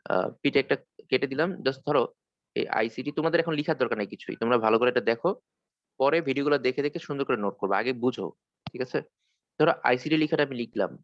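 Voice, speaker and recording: Fast-talking male teacher, dull call audio. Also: mid-range voice, no room sound. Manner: quick, explanatory, asks and answers own questions. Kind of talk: online class lecture. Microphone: computer mic on a video call.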